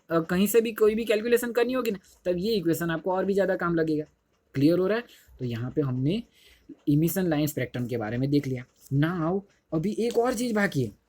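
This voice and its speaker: A young man with a high but dark-toned voice teaches chemistry in a casual Hindi classroom style, with no echo. He repeats himself, keeps saying "dekho," and corrects his slips while writing on screen with his phone as the microphone.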